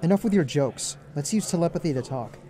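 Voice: mid-range voice, expressive, a little fast, dark tone, lightly acted. An actor playing an earnest, exasperated young detective partner in a comedic short film. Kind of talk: comedic student film acting.

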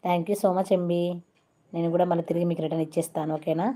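Mellow-voiced Telangana woman live-streaming. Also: fairly low pitch, little pitch movement, fast. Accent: Telangana Telugu. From Telangana, India. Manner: chatty, greets viewers by name and mixes in English phrases. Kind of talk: casual live-stream chat.

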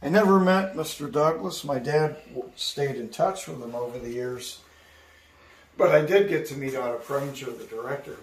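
Rambling older man in an echoey room. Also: mid-range voice. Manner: rambling storyteller, many fillers. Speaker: artist showing his studio. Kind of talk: casual guided tour. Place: indoor art studio. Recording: echoey room, distant mic, faint hiss.

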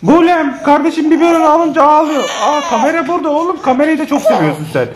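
A man's voice: extremely high pitch, fast talker. A man filming a casual family vlog, talking playfully to his kids and the viewers. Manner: lively, playful, often laughing while talking to children and viewers. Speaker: family vlogger. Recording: noisy home video recording.

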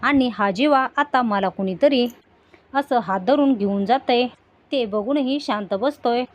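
A woman voicing a hurt, jealous young woman, reading her taunting lines in a slightly high voice. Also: unhurried, lightly acted. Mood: bitter taunting. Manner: bitter, taunting retelling.

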